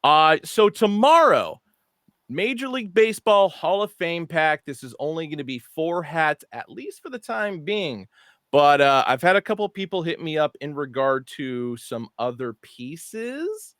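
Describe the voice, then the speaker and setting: A man co-hosting a casual online show about new hats, chatty and animated, often correcting himself mid-sentence. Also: fairly high pitch, a little slow, no echo, studio quality. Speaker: co-host presenting hats. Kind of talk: casual product show talk.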